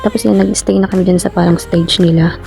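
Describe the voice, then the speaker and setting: Filipino woman, lowish voice, casual vlog voice-over, chatty and playful, clear music underneath. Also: steady tone, brisk. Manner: chatty, playful, addressing viewers. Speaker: vlogger.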